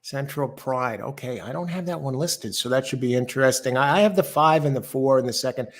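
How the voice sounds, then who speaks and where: A man's voice: mid-range voice, fairly quick. A man hosting a casual live horse racing show, chatting through picks and greeting listeners. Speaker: host.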